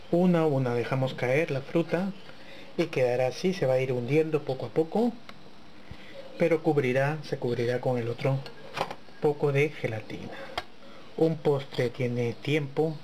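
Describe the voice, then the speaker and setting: Talking to viewers while he cooks, this man runs a home cooking channel and guides them through a dessert, step by step, in a casual kitchen tutorial. His medium-pitched voice is a little mellow, and the poor audio carries a little hiss or hum.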